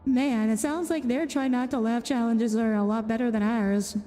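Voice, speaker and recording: Mellow-voiced woman rambling over gameplay. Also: fairly high pitch, steady tone, moderate pace, in a large hall, faint music behind. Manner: rambling, chatty asides, self-correcting. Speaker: vtuber streamer. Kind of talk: casual gameplay commentary.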